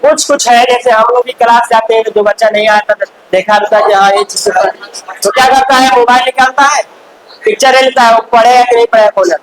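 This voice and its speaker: A male chemistry teacher in a classroom, firing quick questions at students and scolding them in chatty asides. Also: very high voice, fairly even intonation, a crowd in the background, rough recording. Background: faint hiss.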